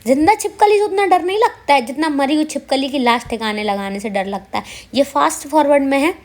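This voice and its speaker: A woman's voice: high-pitched, a little fast. A woman vlogger narrating her day in a chatty, self-mocking voice-over, speaking straight to her viewers. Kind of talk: casual vlog voice-over.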